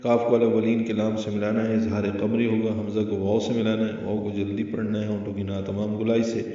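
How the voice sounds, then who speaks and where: A man's voice: fairly low pitch, little pitch movement, dark tone. Urdu-accented man teaching in a cavernous echo. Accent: Pakistani Urdu. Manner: slow, careful explanation of pronunciation rules. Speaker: Quran recitation teacher. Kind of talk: tajweed lesson with chanted recitation. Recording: very echoey, distant, slightly muffled.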